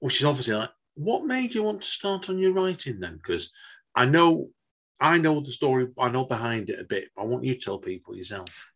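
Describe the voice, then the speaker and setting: Male podcast host from England, husky tone, chatty and rambling. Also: mid-range voice, very animated, fairly quick, a bit bright. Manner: rambling, many fillers and restarts. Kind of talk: casual podcast chat.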